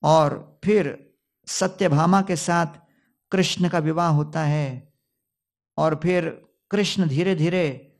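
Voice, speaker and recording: A male preacher telling a devotional scripture story, quoting Sanskrit verses and mixing in English words. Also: on the high side.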